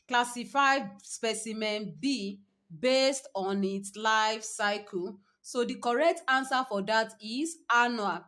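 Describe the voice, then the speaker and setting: Recorded from afar in an echoey space, this woman's fairly high, slightly bright voice carries a Nigerian English accent. Preparing students for a biology exam, she repeats herself often and answers her own "what?" questions.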